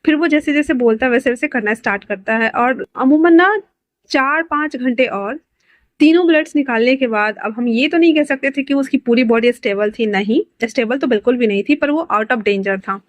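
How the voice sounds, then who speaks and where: A woman's voice: high-pitched, normal speed, dry recording. Chatty female fan-fiction storyteller. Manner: chatty, with fillers and asides. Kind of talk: casual fan-fiction narration.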